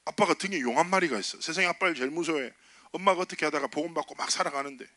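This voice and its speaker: A man preaching a lively sermon to a church youth group, telling stories and acting out the dialogue in character voices. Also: fairly high pitch, no room sound. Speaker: youth pastor. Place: church sanctuary.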